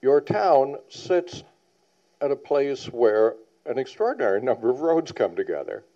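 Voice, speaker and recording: A man's voice: medium pitch, sing-song, measured pace, mellow. A man on a planning panel giving a public presentation, earnest and emphatic, repeating key points. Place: public meeting hall. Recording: dull lo-fi sound.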